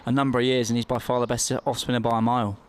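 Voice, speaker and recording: A man gives live cricket analysis as a former player. His delivery is rapid, with little movement in pitch and a middling register. He is conversational and opinionated, often repeating a phrase to press it home. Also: little pitch movement. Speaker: summariser and former county cricketer.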